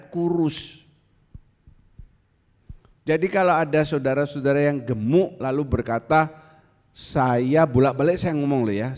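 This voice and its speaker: A man preaching a sermon as pastor, animated and teasing, acting out angry voices. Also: a little high, long reverb tail. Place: church.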